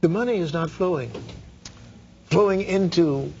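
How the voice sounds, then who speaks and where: An older man from the Bahamas interviewing a guest in a TV studio, halting, with many repeated words and fillers. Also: high-pitched, a little mellow, muffled recording, slight background noise. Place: dark TV studio. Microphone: lapel mic.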